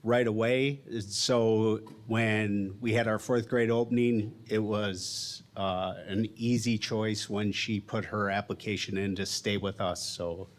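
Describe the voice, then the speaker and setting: A man principal introducing a new teacher at a school board meeting, measured and pausing between phrases. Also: on the low side, steady tone. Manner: measured, with pauses and fillers.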